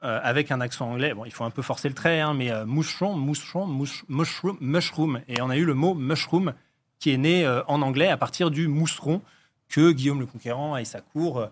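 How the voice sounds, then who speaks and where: A man's voice: medium pitch, quick pace. A man explaining things in casual chat, with many fillers and restarts. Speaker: guest linguistics enthusiast.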